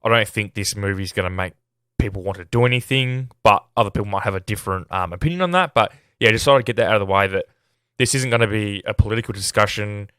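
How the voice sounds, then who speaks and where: Recorded in a clean studio without room sound, a sick Australian man whose voice might give out hosts a relaxed film review podcast. His low-leaning, smooth, slightly bright voice moves fast as he rambles hesitantly and pokes fun at himself.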